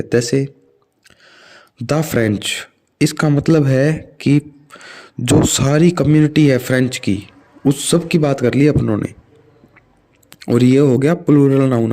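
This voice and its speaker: Indian man, English grammar teacher, deliberate slow delivery, mixes Hindi explanation with read-out English examples. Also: medium pitch, mellow.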